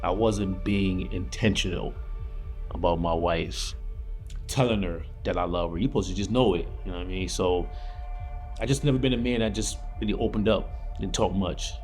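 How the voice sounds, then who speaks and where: Low-voiced man giving a testimonial. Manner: casual, plain-spoken. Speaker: program participant. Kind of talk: testimonial interview.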